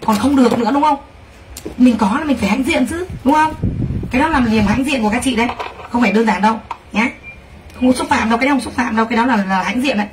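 Fast and fairly high-pitched, this woman gushes through a live selling pitch for clothes, exclaiming excitedly and talking straight to viewers. It's a rough recording from a distant mic with faint background noise.

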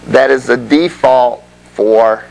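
A man's voice: medium pitch, slow pace, creaky, a little mellow, poor audio. A man teaching a web development class in a classroom, explaining things conversationally and often checking in with the students. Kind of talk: classroom lecture.

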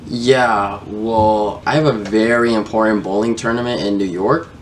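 A man's voice: fairly low pitch, steady tone, normal speed, slight background noise. Casual young man, slangy delivery. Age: young adult. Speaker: prank caller and video host. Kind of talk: casual, slangy chat and prank phone calls. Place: small room indoors, plain wall.

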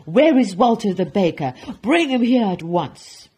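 A woman's voice: medium pitch, sing-song, measured pace, husky, heavily acted. Woman acting a roaring, imperious storybook duke. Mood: outraged. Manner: commanding, emphatic, forceful. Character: imperious, hot-tempered male duke, quick to roar. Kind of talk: storybook character voice.

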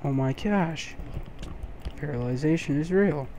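A man's voice: a little high, measured pace, mellow, a little hiss or hum. A man commentating his own gameplay, keeping his voice down late at night and sounding sleepy. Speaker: gaming video host.

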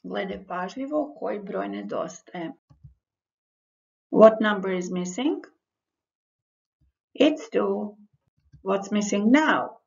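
A woman with a Croatian accent teaching young children to count like a kids show host, in simple repeated phrases with pauses. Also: medium pitch, very animated, creaky. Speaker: primary school English teacher. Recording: dull lo-fi voice-over.

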